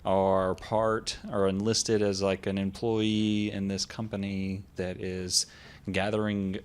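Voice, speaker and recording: A man's voice: deep voice, little pitch movement, takes it slowly, smooth. A man co-hosting a gaming podcast, explaining a game in casual chat, rambling with lots of "like" and "um" and the odd laugh. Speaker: podcast co-host.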